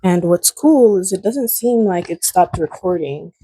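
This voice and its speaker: A chatty woman rambling to her phone camera in a mellow, slightly husky voice. Her wireless clip-on mic has noise reduction switched on, so the sound carries faint processing artifacts. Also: fairly low pitch, expressive, a little slow, low-quality recording. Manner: chatty, rambling, lots of fillers. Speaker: vlogger. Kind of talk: casual chat to camera. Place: at home. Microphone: wireless clip-on mic plugged into a phone.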